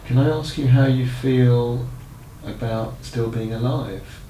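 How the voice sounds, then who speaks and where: A man playing a sympathetic child psychiatrist in a role-play consultation, asking gentle, tentative questions and reassuring calmly. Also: mid-range voice, slow pace, natural voice. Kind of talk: acted clinical consultation. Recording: roomy, distant mic, noisy background.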